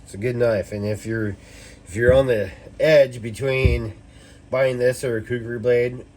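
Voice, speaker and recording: A man's voice: medium pitch, fairly even intonation, unhurried, darkish tone, poor audio. A man giving a casual, rambling product review, loose and tipsy as if he has been drinking, and swearing freely. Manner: casually profane. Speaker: knife reviewer. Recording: noticeable background noise with clicks.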